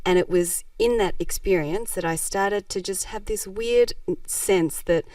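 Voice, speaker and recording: This podcast guest, a Japanese-born social enterprise founder, talks a little slowly in a mid-range, darkish voice during a conversational interview. Thoughtful and reflective, she laughs frequently. Her slightly distant mic gives a dry sound with no room noise.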